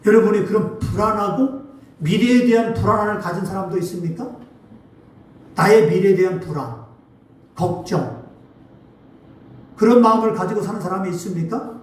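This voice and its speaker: A man's voice: high voice, moderate pace, long pauses. A male pastor preaching a sermon emphatically and putting questions to his congregation in a church sanctuary. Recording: echoey hall from far off.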